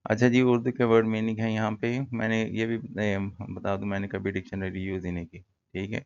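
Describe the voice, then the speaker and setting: A man teaching an English lesson in a relaxed, conversational way, explaining words and pausing often with fillers. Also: fairly low pitch, muffled recording, slight background noise. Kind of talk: casual classroom-style lesson.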